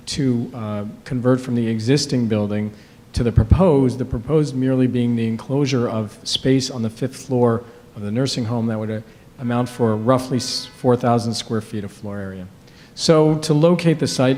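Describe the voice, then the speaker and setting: A man presenting an application as an attorney at a public hearing, measured and full of "uh" fillers, in a courtroom-style recording. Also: medium pitch, darkish tone. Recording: long reverb of a hearing room.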